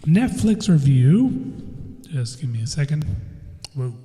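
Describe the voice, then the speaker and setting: A man's voice: on the high side, big pitch swings, slow, dark tone. A man hosting a casual solo podcast, rambling and self-mocking, mumbling his words and swearing freely. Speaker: podcast host. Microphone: desk microphone. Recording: echoey room with long reverb.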